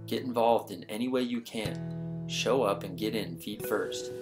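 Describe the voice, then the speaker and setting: Man, scripted documentary narration, fairly low pitch, plucked guitar music behind. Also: unhurried.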